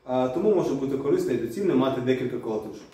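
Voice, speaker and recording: Mellow-voiced man in an echoey room. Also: medium pitch, animated, rapid-fire. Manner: addresses viewers directly, explains step by step. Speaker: drum workshop maker. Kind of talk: product explainer video. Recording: very echoey room, distant mic.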